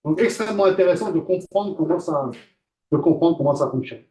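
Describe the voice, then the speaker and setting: Talking a little fast in a slightly mellow, high-for-a-man voice, a lecturer addresses his class conversationally. He throws questions at the students and relies on filler sounds as he moves between ideas.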